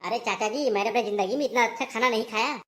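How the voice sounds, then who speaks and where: A woman's voice: fairly high pitch, fast talker, fairly bright tone, lightly acted. A woman voicing a naive, eager young man in a cartoon comedy. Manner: gullible, eager. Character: naive young male sidekick, greedy for food.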